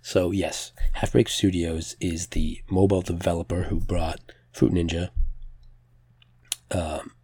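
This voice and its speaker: A male podcast host talks informally through news on his own in a deep, rough-edged voice. It sounds slightly strained and pressed, and he often hesitates and rephrases as he goes. The sound is dry, with no room around it. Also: flat delivery, a little slow, pauses often, darkish tone, dry recording. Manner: hesitant, self-correcting, informal. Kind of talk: casual solo news commentary.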